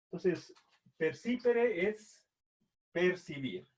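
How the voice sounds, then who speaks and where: A man's voice: sits high, lively intonation, very slow, a little mellow, husky, muffled recording. A man teaching a philosophy class, explaining terms patiently with many fillers and checks for understanding. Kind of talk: online philosophy lecture.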